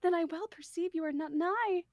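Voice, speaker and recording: Gal doing a freaked-out young lady crying for her guy, super high and dry sounding. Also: moderate pace, no echo, lo-fi sound. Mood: frantic. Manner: frantic, high and breathless. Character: frightened young woman waking from nightmare. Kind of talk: unscripted comedic read-aloud.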